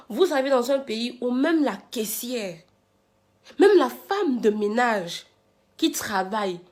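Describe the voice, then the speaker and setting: A woman's voice: a little high, a little mellow. A woman delivers an indignant, confrontational rant to viewers, speaking emphatically and hammering repeated phrases and rhetorical questions. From Africa.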